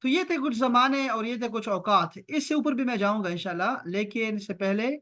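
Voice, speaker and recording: A man teaching an online language lesson over a video call, repeating words slowly and drawing them out for his learners. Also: very high voice, fairly bright tone. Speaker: Arabic teacher.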